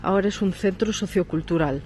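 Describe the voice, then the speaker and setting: A woman's voice: lowish voice, a little fast, darkish tone, a little hiss or hum. Nasal, congested woman vlogging. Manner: chatty, pointing things out as she walks. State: stuffy cold, congested. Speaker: travel vlogger, host. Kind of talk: casual guided tour. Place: outdoors in a village.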